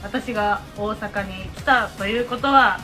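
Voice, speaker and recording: A woman hosting a casual prank vlog in a giggly, excitable way, recorded on a phone in a small room. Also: mid-range voice, measured pace, faint music behind. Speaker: host.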